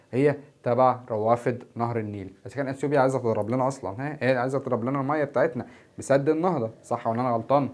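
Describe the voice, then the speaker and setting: A worn-out Egyptian man teaching a geography lesson at a rapid clip. He repeats each key term several times and quizzes himself aloud before giving the answer. His voice has a middling pitch. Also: darkish tone. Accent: Egyptian Arabic. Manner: repeats key terms, asks and answers his own questions. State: tired, filming at four in the morning. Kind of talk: exam-prep geography lesson. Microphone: standing before a camera.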